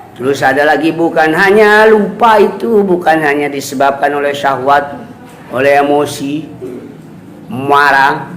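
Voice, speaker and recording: Male teacher, talking slowly and chattily to students; echoey room, faint background noise. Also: fairly high pitch, a bit bright. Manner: chatty, asks "ya kan?" often, acts out quoted voices with laughs. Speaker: Islamic teacher giving a kitab study. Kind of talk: casual religious lesson to students.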